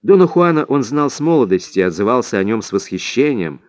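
Male first-person narrator, mid pitch, expressive measured read, dry booth, slightly muffled. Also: dry recording. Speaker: audiobook narrator. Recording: dry, slightly dull recording.

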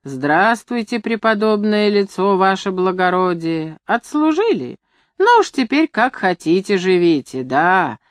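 A woman's voice: low voice, animated, a little slow, few pauses, no room sound, studio quality. A woman playing a sneering cranky old grandfather. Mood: mocking. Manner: sneering, snapping. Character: mocking, irritable old grandfather.

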